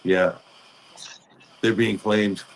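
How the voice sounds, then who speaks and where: A man speaking as a spirit medium, relaying messages in short, halting fragments during a ghost box session. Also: lowish voice, steady tone, vocal fry, slight background noise, poor audio.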